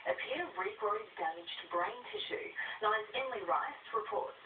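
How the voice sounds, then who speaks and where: A woman presenting the afternoon news in a crisp, measured newsreader manner. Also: medium pitch, expressive, far from the mic, noisy background. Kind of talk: scripted news reading. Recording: echoey, tinny off-air TV recording with music.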